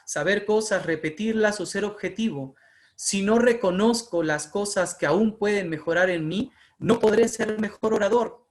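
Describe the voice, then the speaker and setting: A man with a Mexican Spanish accent giving an impassioned online lecture on public speaking, building emphatic repeated phrases over a video call. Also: sits high. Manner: impassioned, emphatic, rhetorical repetition. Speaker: oratory workshop speaker.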